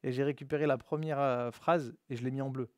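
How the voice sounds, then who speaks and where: A man's voice: mid-range voice, fairly quick, dry recording. A male coding instructor speaks to his trainees in a classroom. His delivery is loose and full of slang, and his voice sits in a middle register. The sound is close and dry. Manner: relaxed and slangy, addresses students as "les gars". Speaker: web development instructor. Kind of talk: casual live classroom lesson.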